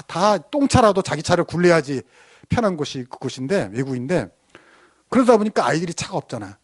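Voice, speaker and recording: Middle-aged male preacher; animated sermon storyteller, quizzes his flock, dry close mic. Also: fairly high pitch, dry recording. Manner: lively storytelling with rhetorical questions to the congregation. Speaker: pastor. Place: church sanctuary.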